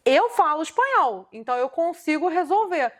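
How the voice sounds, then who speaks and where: A woman from Brazil, hosting a casual chat, telling animated, slangy stories and acting out the dialogue. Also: very high-pitched, normal speed. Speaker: host.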